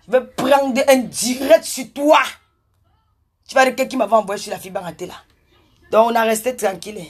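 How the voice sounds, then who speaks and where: Loud, scolding woman with a high voice, addressing her detractors live. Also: fairly even intonation, moderate pace, husky. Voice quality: loud, forceful way of talking. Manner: combative, scolding, repetitive. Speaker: social media personality. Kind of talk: ranting live video address.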